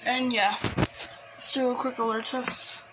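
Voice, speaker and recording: In a small, cluttered room, a woman with a high-pitched, fairly bright, level voice shows off her personal radio collection in a casual hobby show-and-tell video. She speaks haltingly and trails off. Recorded on a handheld phone camera, the home audio is clicky and noisy.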